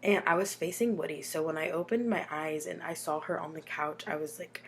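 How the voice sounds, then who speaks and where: A woman's voice: low voice, a little fast, a little hiss or hum. An American woman with a runny nose from being sick, telling a personal story in a casual, chatty, informal way with dramatic asides. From Texas, United States.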